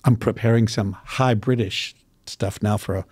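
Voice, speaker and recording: A man with a mellow, somewhat raspy voice chats as a guest dialect coach. He explains in a halting, thoughtful way, and the sound is very dry. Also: fairly low pitch, steady tone, no room sound. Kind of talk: casual explanatory chat.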